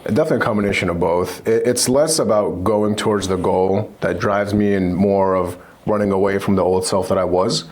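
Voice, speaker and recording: Low-voiced male entrepreneur guest from Iraq. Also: steady tone, fairly quick, hardly any pauses, darkish tone. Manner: conversational, storytelling, repeats words. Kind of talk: casual interview.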